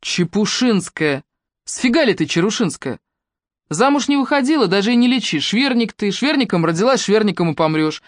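A woman reading aloud and voicing a coarse, brash woman who mocks in rough slang. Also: medium pitch, animated, moderate pace, no echo, clean studio sound, pitched above the performer's own voice, close to an everyday voice. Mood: taunting. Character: brash, coarse grown woman who talks like a street tough.

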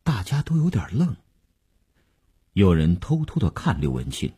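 A man reading a novel aloud for radio in an expressive storytelling manner. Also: deep voice, husky. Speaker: audiobook narrator.

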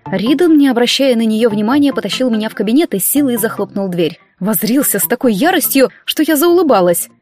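Woman reading a story, slightly high voice. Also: expressive, darkish tone, faint music behind. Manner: measured storytelling. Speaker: audiobook reader. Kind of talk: scripted narration.

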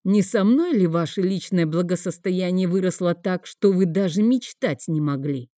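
A woman's voice: fairly low pitch, normal speed, mellow, no echo, clean studio sound, lightly acted. A woman voicing a bitter, sarcastic grieving man in an audiobook. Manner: bitter, biting.

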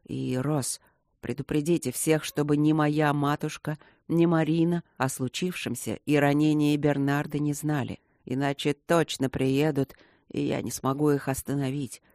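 A man voicing a resolute male military commander who gives orders firmly and briskly, read in a storybook style. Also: a little high, little pitch movement, darkish tone, no room sound, studio quality, lightly acted. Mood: commanding.

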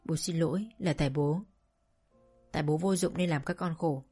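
A woman reading a father who blames himself, in a low, choked voice over soft music. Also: moderate pace, husky. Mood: remorseful, tearful. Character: remorseful poor father, middle-aged man.

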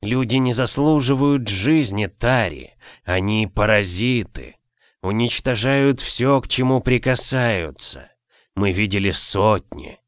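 Man voicing a slow contemptuous god-complex gatekeeper. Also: lowish voice, dry recording. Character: ancient male gatekeeper program with god complex. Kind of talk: audiobook character voice.

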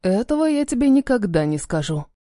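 A woman's voice: a little high, big pitch swings, a little fast, warm tone, dry recording, studio quality. A woman voicing a stern, cold-tempered man who speaks in clipped, commanding lines.

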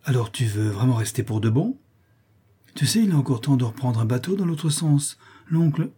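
A man's voice: medium pitch, lively intonation, normal speed, dark tone, husky. A man reading an audiobook, voicing a proud, curt widowed mother in a raised voice. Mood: scolding. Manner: curt and scolding. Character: stern widowed mother, sharp-tongued, proud.

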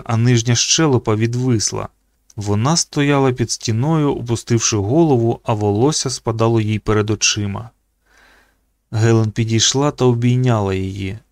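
A man narrating an audiobook in an expressive reading voice. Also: dry recording, clean studio sound. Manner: reads expressively, pitching up for the children's quoted lines.

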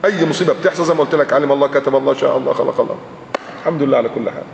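A man with an Egyptian Arabic accent preaching a sermon, animated and full of rhetorical questions, sometimes chanting verses. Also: medium pitch, racing, vocal fry, highs cut off, background noise. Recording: echoey hall recording.

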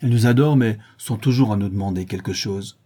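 A man's voice: lowish voice, fast talker, mellow, slightly rough. Man voicing a languid cynical dandy lord. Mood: languid, witty. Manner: epigrammatic, airy.

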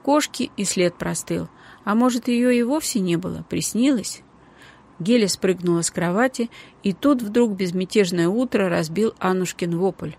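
A woman narrating a children's book audiobook in a calm, even storytelling manner. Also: mid-range voice, moderate pace, vocal fry. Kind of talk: scripted narration.

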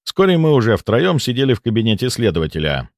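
A man's voice: mid-range voice, very animated, quick pace, no echo, clean studio sound. Man reading an audiobook expressively. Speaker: audiobook narrator. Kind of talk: first-person audiobook narration.

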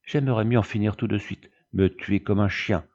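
A man's voice: lowish voice, normal speed, a little mellow, lightly acted. A man reading as a pale, distraught young man, speaking in anguished, pleading refusals. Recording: dull lo-fi audiobook recording.

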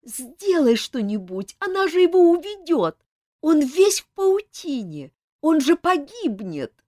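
A woman's voice: sits high, big pitch swings, measured pace, darkish tone, no room sound, studio quality, pitched above the performer's own voice. A woman voicing a young female nymph dancer who screams and pleads in desperation. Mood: frantic.

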